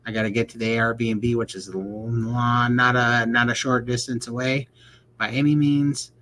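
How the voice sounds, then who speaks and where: A man chats loosely on a livestream, rambling and quick to laugh. His voice sits at a middle pitch. A faint background hiss runs underneath. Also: flat delivery, a bit bright. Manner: laid-back, rambling, laughs often. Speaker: livestream co-host. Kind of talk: casual livestream chat.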